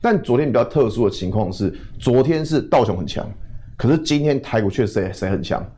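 A man's voice: mid-range voice, expressive, fairly quick, warm tone, slight background noise. A man with a Taiwanese accent giving informal market commentary as a guest analyst, often asking questions and answering them himself.

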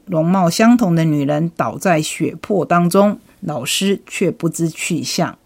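A woman's voice: on the low side, a little mellow. A woman presenting a selection of mystery novels, summarizing each plot in a storytelling manner. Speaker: book presenter. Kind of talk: book recommendation talk.

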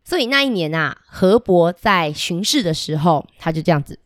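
A woman, telling a story to children in an animated way and asking them questions directly. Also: fairly low pitch, normal speed, no echo, clean studio sound.

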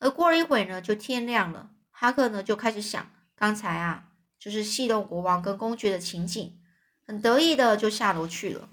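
A woman narrating a children's story in a lively, animated way. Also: medium pitch, moderate pace. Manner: lively, with frequent fillers and restarts.

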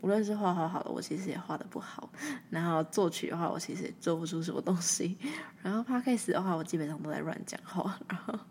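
A young woman with a Taiwanese Mandarin accent hosting her own podcast, talking casually and rambling, often trailing off into a breathy near-whisper. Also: fairly low pitch, quick pace, darkish tone, slight background noise. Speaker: podcast host. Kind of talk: casual solo monologue.

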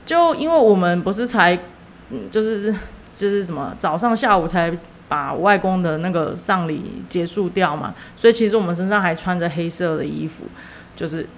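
A woman's voice: lowish voice, lively intonation, normal speed, a little hiss or hum. A young woman, telling a story casually as a podcast host, rambling with lots of fillers and self-corrections.

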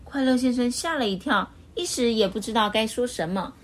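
A woman reading a children's picture book aloud as storyteller, with expressive, lively delivery. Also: on the high side, a little fast.

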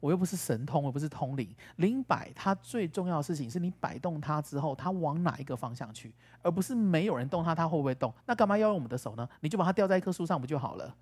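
Man, rapid, slightly husky, chatty storyteller. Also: a little high, animated, darkish tone. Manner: chatty, tells stories with acted-out quotes. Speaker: teacher of tarot and astrology. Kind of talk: casual podcast explanation.

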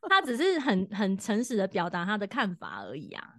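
A woman's voice: mid-range voice, huge pitch swings, a little fast, fairly bright tone, dry recording. Woman in her thirties, podcast co-host, easygoing storyteller, dry close recording. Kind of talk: casual chat.

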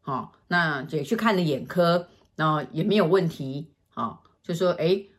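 A woman's voice: deep voice, normal speed. A woman, a fortune teller telling a client's story in casual chat, acting out scenes as she goes. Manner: animated, acts out scenes with sighs and gestures.

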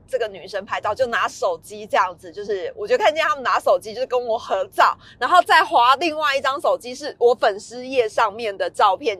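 A woman's voice: fairly high pitch, fairly bright tone, dry recording. A woman, casually telling a story in a vlog, laughing often and acting out the lines she quotes.

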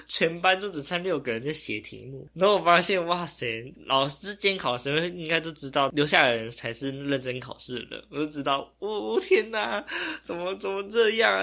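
Young man, Taiwanese Mandarin accent, vlogger, casual storytelling, somewhat high voice, exclaiming. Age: young adult. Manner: animated, exclaiming, quick to laugh.

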